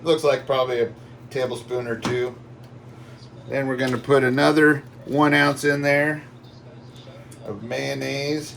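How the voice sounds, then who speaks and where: Male home cook, medium pitch, casual folksy demo delivery, slightly distant mic, light background noise. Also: level tone, unhurried, gravelly, pauses often, a bit bright. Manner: folksy, playful sound words and exclamations. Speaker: home cook presenting a cook-along. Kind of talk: casual cooking demonstration.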